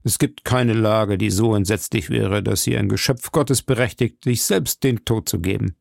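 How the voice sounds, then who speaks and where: A man's voice: on the low side, normal speed, vocal fry, darkish tone, no echo, clean studio sound. A man reading an earnest young officer. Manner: earnest, stammering. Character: young earnest male officer, pious, nervous. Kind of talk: audiobook character reading.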